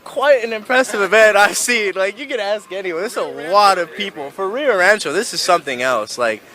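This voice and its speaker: A man's voice: sits high, expressive, normal speed, pushed and bright. A man of twenty answering interview questions outdoors in a casual way, with lots of "like". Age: 20s. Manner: casual, says "like" a lot. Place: outdoors in a city street.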